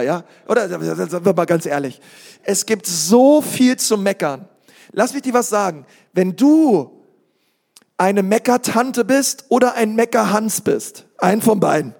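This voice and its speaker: A male pastor preaching an emphatic sermon, speaking straight to the congregation and rising to shouts. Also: sits high, vocal fry.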